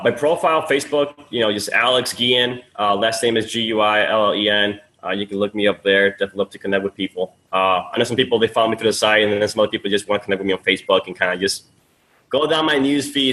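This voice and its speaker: A man from Peru, somewhere in his thirties, with a fairly low voice. He talks freely and casually as a podcast guest. He drops in "man" and "dude" and restarts his sentences often. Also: quick pace, sharp tone, low-quality recording. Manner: talkative, loose and friendly, says "man" and "dude", many fillers and restarts. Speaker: guest, sales funnel coach.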